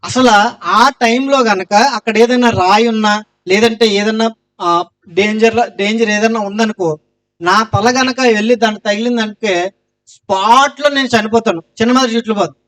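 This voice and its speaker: High-voiced man giving an earnest testimony. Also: moderate pace. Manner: earnest storytelling, loud cries of Jesus' name. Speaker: testimony speaker.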